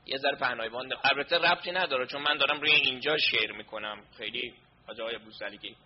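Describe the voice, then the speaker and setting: During a live online session, a man with a husky, medium-pitched voice chats casually while presenting his class. The highs are cut off in the audio, and he's flustered, sorting out connection and sound trouble aloud.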